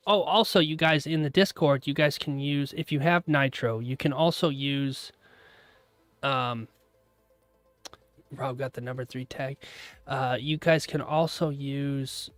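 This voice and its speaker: Laughing frequently and drifting into asides, a trading livestream host chats casually with his viewers. His voice is fairly high and a bit bright, and the recording is dry.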